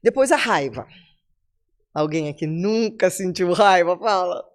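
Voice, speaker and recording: A woman's voice: on the low side, expressive, a little slow. A woman in her seventies with a Brazilian accent, a podcast guest giving a motivational talk and addressing listeners directly. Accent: Brazilian Portuguese. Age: 70s.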